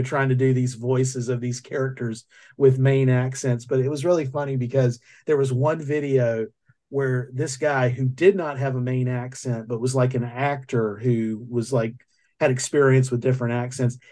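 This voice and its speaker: Mellow-voiced man hosting a podcast chat. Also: medium pitch. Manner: rambling, hesitant with many fillers. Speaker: podcast host. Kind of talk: casual chat.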